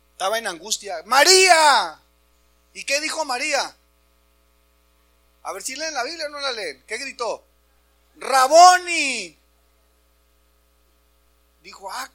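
A man preaching an Easter sermon in church, animated and talking straight to the congregation, raising his voice for emphasis. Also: high voice. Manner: animated, addresses congregation as brothers, shouts for emphasis. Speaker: pastor.

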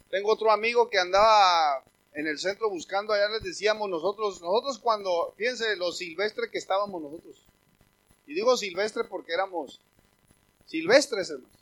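A man preaching a sermon as pastor, telling humorous stories and swinging from quiet asides to loud calls. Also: high-pitched.

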